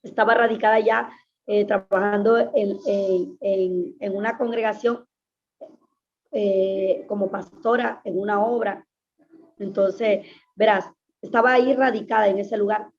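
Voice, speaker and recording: A woman's voice: mid-range voice, fairly even intonation, unhurried, a little mellow. A woman pastor giving an earnest, emphatic personal testimony in an interview, often repeating her phrases. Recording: dull lo-fi sound.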